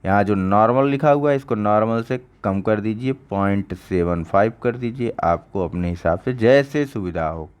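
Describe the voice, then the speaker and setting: A man with a fairly low voice teaches an online exam-prep lesson. He talks in a casual, chatty way, repeats each answer and often stops to check that his students are following. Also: moderate pace, hardly any pauses, smooth. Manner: conversational, repeats key answers, checks understanding with "ठीक".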